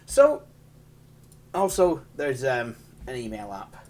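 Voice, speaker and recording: This Scottish man, a tech channel host, ambles through an old operating system in a casual hands-on walkthrough, rambling, mocking himself and laughing a lot. His mid-range voice swings hugely in pitch, moves at a slow pace and has a slightly mellow quality.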